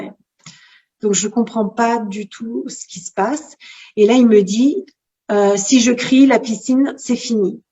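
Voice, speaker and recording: Animated woman telling a story, lo-fi. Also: on the high side. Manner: animated storytelling, acting out dialogue, laughing at moments. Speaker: author guest. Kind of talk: interview storytelling. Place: bookshop. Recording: lo-fi livestream audio.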